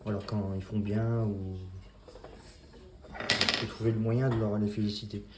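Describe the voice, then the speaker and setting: A man's voice: fairly low pitch, flat delivery, a little slow, reverberant, very noisy. A man, a dog breeder, talking casually to camera about his puppies, hesitant with many fillers and restarts.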